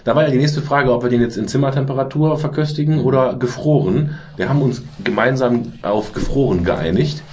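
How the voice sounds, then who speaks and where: A man's voice: mid-range voice, darkish tone, recorded from a distance. Guy hosting a chatty podcast, laughs at himself a lot, faint hiss behind. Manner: rambling, self-deprecating, quick to laugh. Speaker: podcast host. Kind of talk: casual chat.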